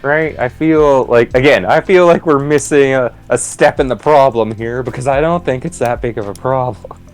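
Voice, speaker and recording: A man chatting over a video game in a loose, rambling way, piling up "like" and restarting his sentences. His pitch sits in the middle for a man, and soft game music plays faintly behind him. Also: normal speed, smooth. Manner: rambling, many "like" fillers and restarts, laughs often. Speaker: let's play co-host. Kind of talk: casual gaming commentary.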